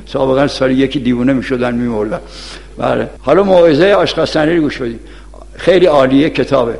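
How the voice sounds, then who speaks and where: A man's voice: mid-range voice, vocal fry, a little mellow. A man, a cleric, preaching an ethics lesson to seminary students, telling anecdotes and admonishing his listeners. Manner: admonishing, storytelling, quotes sayings of scholars. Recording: long hall reverb.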